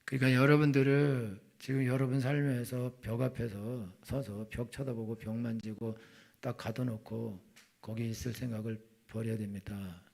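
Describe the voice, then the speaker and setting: A man's voice: mid-range voice, level tone, moderate pace, creaky, a little mellow. A middle-aged male pastor preaching a colloquial sermon, telling stories and acting out the voices of the people in them. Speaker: senior pastor.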